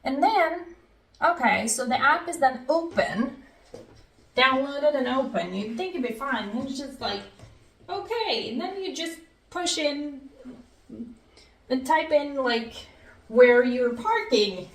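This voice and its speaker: A woman's voice: high voice, animated, slow, long pauses. A woman from Norway chatting casually as a vlogger, telling a story and laughing often between phrases. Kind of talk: casual story time chat. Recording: roomy echo, mic at a distance.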